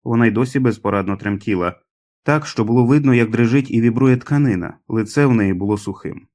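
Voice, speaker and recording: A man reading an audiobook aloud as the narrator, in a measured, dramatic manner. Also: mid-range voice, a little mellow. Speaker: audiobook reader.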